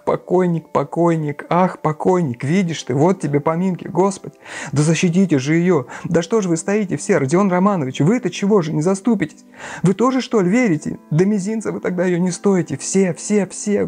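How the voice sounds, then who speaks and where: A man reading an audiobook, voicing a desperate, sick widow who shouts hoarsely and pleads. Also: moderate pace, soft background music. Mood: desperate pleading. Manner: high, pleading, pushy. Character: frantic consumptive widow, shrill and desperate.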